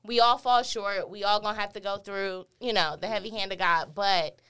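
A woman's voice: medium pitch, fairly even intonation, moderate pace, fairly bright tone, smooth. A woman co-hosting a casual talk show, giving emphatic, opinionated commentary. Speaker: podcast co-host. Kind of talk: casual chat.

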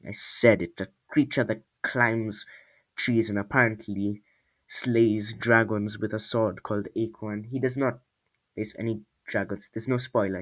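A man's voice: on the low side, a bit bright. A man reading his own storybook aloud, breaking off into rambling, self-mocking asides.

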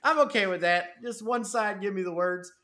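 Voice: mid-range voice, normal speed, pushed and bright. A co-host in casual podcast chat, playful and joking, laughing often between thoughts.

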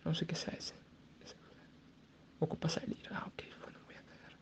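A man voicing his own whining stomach in a hushed, breathy whisper. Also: fairly quick, close to an everyday voice. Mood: pleading. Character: whining talking stomach, male, desperate.

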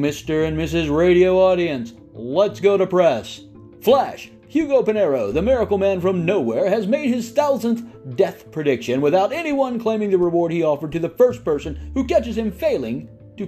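A loud, high-pitched radio gossip newsman barks out flash headlines in a punchy, clipped rhythm, as a man reading a story puts him on. The voice is lively and pushed up well above a normal speaking pitch. Soft music sits underneath. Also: normal speed. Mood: breathless. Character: brash fast-talking male radio gossip newsman.

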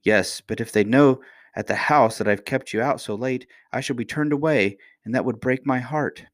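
Man as royal nursemaid, anxious woman, easily offended, fretful, storybook, lifted pitch, dry recording. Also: moderate pace, dry recording, lightly acted. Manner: fretful, scolding.

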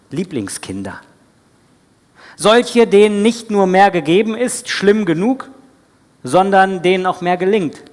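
A man preaching a sermon as a retold story, dramatic, now and then dropping to a whisper. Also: on the high side. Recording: breathy voice in a long church reverb.

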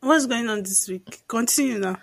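A woman's voice: a little high, moderate pace, gravelly. A woman co-hosting a podcast in casual chat, bantering and laughing often. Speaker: podcast co-host.

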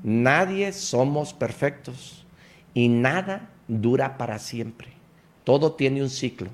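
A man's voice: mid-range voice, lively intonation, slow. A man giving a preachy, emphatic motivational radio talk, speaking straight to the listener.

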